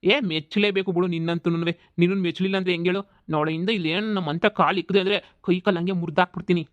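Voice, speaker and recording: Male actor as a middle-aged village landlord in a comedy cartoon, bullying and shouting, dry recording. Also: high voice, fairly even intonation, fast, dry recording, muffled recording, close to an everyday voice. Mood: angry, threatening. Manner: shouting insults and threats.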